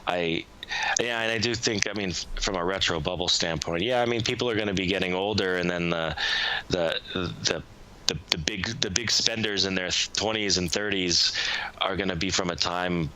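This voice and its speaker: A man in his thirties with a low-pitched but very bright, forceful voice. He chats as a guest on a podcast, eager and quick to jump in. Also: slight background noise, low-quality recording. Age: 30s. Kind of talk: casual conversation.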